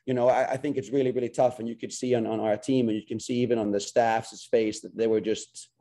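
After the game, a forties-aged head coach responds to reporters via webcam from a small locker room. His medium-pitched voice is dark and flat, and he speaks fast, earnestly restarting sentences by repeating their opening words.

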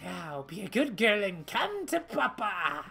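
A woman voicing a greedy, swaggering male bandit leader with a gruff, bossy manner in a video game read-along. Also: medium pitch, sing-song, measured pace, bright, forceful tone, faint music behind, exaggerated voice. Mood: leering.

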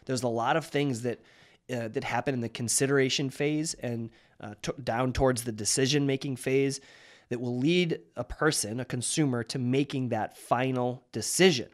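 A man's voice: medium pitch, moderate pace. A man in his thirties, a marketing host, explaining in a casual, conversational way with restarts and rhetorical questions. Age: 30s.

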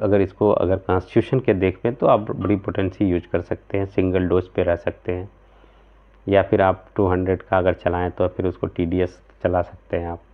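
A low-pitched man in his thirties, working as a homeopathic practitioner, earnestly explains remedies to camera from a small indoor room at home. Gesturing with both hands, he checks in with his listeners through frequent "theek hai"s. The recording sounds tinny, almost like a phone.

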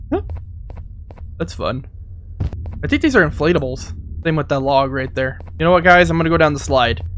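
Higher-pitched young man doing jittery gaming commentary. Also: fairly bright tone, a little hiss or hum. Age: young adult. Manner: jittery, exclamatory, thinking aloud. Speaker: gaming video host. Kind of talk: casual let's-play commentary. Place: small indoor gaming setup.

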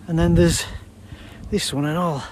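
A man in his fifties with a Sheffield-area Yorkshire accent, rambling in dialect in a deadpan, halting way, as in a casual comic vlog. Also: a little high, a little hiss or hum. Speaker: comic video monologuist. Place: outdoors in a garden. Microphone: phone at arm's length.

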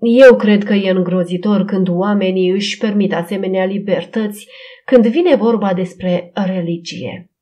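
A woman's voice: high voice, big pitch swings, distant mic, pitched above the performer's own voice. A woman narrator voicing an indignant young society woman who exclaims in a scandalized tone, in an audiobook.

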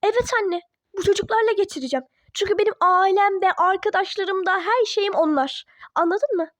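A woman's voice: very high-pitched, a little fast, no room sound. A woman voicing a defiant teenage girl who argues with her parents in a toy-app role-play drama. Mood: pleading. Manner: indignant, argumentative.

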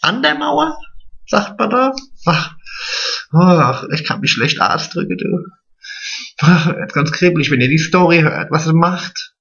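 In this drag comedy piece, a man gossips to camera as a naive, vain middle-aged woman, using an exaggerated, slightly high, creaky voice with lively intonation. The character sounds bright, swooping and slow, and the home-video audio is dull and lo-fi.

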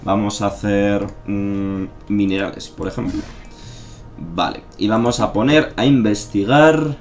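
A man with a Spain Spanish accent streams casual gameplay commentary, thinking aloud with fillers, swearing and joking. His voice is on the low side, a little mellow, at a measured pace, with faint game music behind him.

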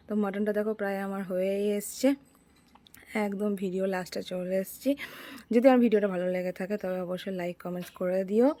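A young woman with a heavy cold, speaking softly and chatting to viewers in a cooking vlog. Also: mid-range voice. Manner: chatty, addresses viewers directly. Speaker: vlogger. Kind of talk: casual cooking vlog narration.

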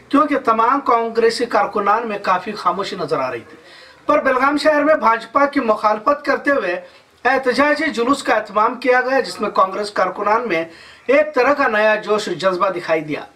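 A man's voice: high voice, bright, forceful tone, far from the mic. A man in his thirties reading a news report as anchor, with formal Urdu-flavored delivery in a studio.

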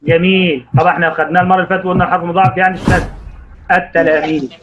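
A man with an Egyptian Arabic accent teaching young pupils online, encouraging them and quizzing them by name, stretching out words slowly as he reads. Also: sits high, flat delivery, muffled recording, noisy background. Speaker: primary school Arabic teacher.

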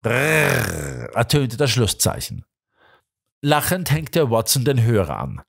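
A man narrating a detective story in an expressive reading voice. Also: medium pitch, a little slow.

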